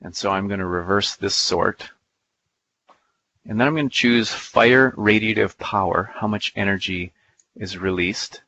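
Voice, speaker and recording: A man giving a live software demonstration in a playful, folksy way, thinking aloud as he clicks through the steps. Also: fairly low pitch, unhurried. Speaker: presenter. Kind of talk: live software demo talk.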